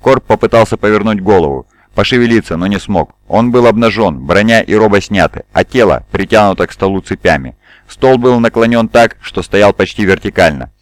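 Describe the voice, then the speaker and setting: A man reading an audiobook in a measured, even narration. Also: on the low side, no room sound. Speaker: audiobook reader. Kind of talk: scripted narration.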